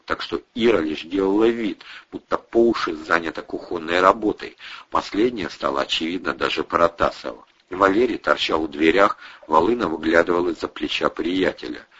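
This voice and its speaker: Male audiobook narrator, very deep and husky, bright edge, measured reading, dull lo-fi sound.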